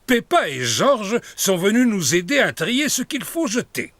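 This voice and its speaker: A man's voice: high voice, very animated, a little slow, fairly bright tone, no echo, heavily acted. A man voicing a jolly old grandfather pig in a cartoon who chuckles often and speaks with good humour. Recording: cartoon soundtrack with faint music.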